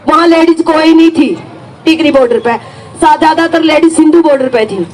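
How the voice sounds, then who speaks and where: A middle-aged woman from Haryana, India, speaks in a high, brisk voice with a Haryanvi accent over a rough recording with a slight hiss or hum. A farmer protest supporter, she gives an emphatic first-person account of joining a protest, rising to shouting as she retells it.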